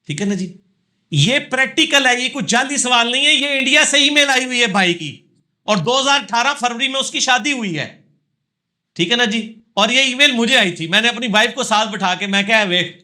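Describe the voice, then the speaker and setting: A man's voice: very high-pitched, lively intonation, pushed and bright. A man, a religious scholar answering audience questions in a live session, lecturing emphatically and checking in with tag questions.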